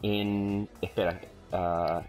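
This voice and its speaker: A gaming YouTuber with a low-pitched voice speaks extremely slowly over soft background music while casually commentating a football video game. A native English speaker learning Spanish with a Chilean-tinged accent, he switches between the two languages, hesitates often, uses frequent fillers and bursts into loud excitement at plays.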